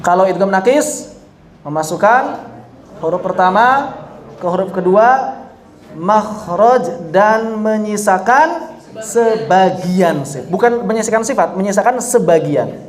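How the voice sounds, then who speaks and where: A man teaching Quran recitation rules, explaining each rule and then slowly demonstrating phrases for students to repeat, correcting common mistakes. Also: high voice, animated, echoey room. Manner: drills slow example phrases for students to repeat. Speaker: tajwid teacher.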